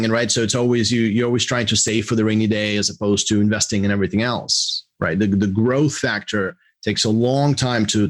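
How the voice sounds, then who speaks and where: A middle-aged man who grew up in Russia, a podcast guest and executive coach, answering questions in a casual, halting way with animated bursts. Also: lowish voice.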